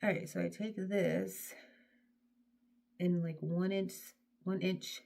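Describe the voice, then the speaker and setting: A middle-aged woman from North Carolina talks to her viewers while she styles her hair. Her voice sits low with a gravelly, fried edge. She is chatty and self-deprecating, often dropping into soft mutters. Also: steady tone, slow pace. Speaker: vlogger. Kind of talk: casual chat while styling her hair.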